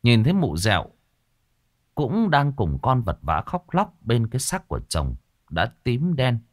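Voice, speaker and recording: A man narrating a ghost story in a folksy, animated storytelling manner. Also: medium pitch, unhurried, dry recording, clean studio sound.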